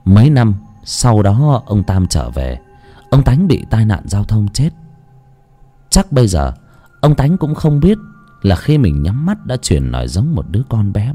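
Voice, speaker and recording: A man tells a ghost story in a low, dark voice whose pitch swings widely for drama. Faint music plays under his narration.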